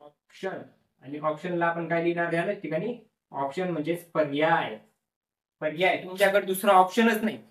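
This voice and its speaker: A man's voice: fairly high pitch, moderate pace. A male teacher explaining a lesson, repeating each word several times and asking the class questions that he then answers himself. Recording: echoey room, voice from a distance.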